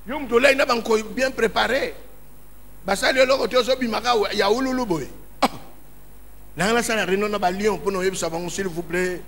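A man's voice: high-pitched, moderate pace, a bit bright, slight background noise. A man preaching a sermon as pastor in a church hall, impassioned and calling out in emphatic bursts. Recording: reverberant hall with faint ambience.

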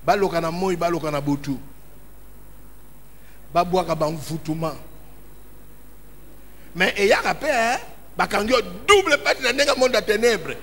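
A male pastor delivers a fervent sermon, his voice high and bright as he calls out in emphatic bursts. He speaks in slow, stretched phrases. The sound carries a long hall reverb over faint background ambience. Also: slight background noise. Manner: impassioned, calling out in emphatic bursts.

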